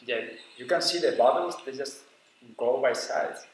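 A man who runs diving courses explains what the footage shows in plain, slightly non-native English. His voice is at a middling pitch for a man. The recording is very echoey, with faint ambience in the background. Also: normal speed, a little hiss or hum. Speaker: scuba diving course director. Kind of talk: casual reaction commentary.

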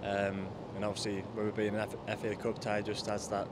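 Halting footballer over loud traffic noise. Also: male voice, lowish voice, completely flat delivery. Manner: halting, many repeated words. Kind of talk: interview.

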